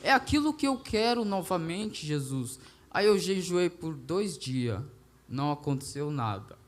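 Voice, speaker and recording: A man with a Brazilian Portuguese accent speaks in a fairly high voice as he gives a heartfelt testimony in church. He talks earnestly and re-enacts his own pleading prayers with fervour. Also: big pitch swings, a little slow. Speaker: church member giving testimony.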